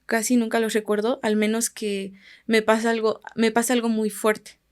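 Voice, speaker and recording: A woman from Guerrero with a Mexican Spanish accent, a podcast guest telling a personal story in a calm, casual way that often fades quietly at the end of phrases. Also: a little high, normal speed, clear, resonant tone.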